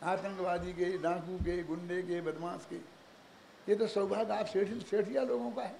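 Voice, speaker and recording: Older Indian preacher, high and animated. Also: male voice, moderate pace, creaky, a little hiss or hum. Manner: animated, rhetorical questions, chuckling asides. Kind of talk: religious discourse.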